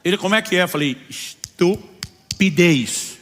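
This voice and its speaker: Pastor preaching in a reverberant hall. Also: male voice, medium pitch, fairly quick. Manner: storytelling with acted-out dialogue, swings loud and soft. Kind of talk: sermon.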